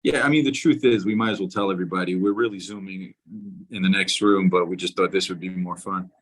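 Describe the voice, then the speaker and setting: Male interviewer from New York, lowish voice, casual, halting, rephrasing as he talks. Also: fairly bright tone, low-quality recording. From Brooklyn, New York. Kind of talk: casual chat. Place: indoors, on a video call.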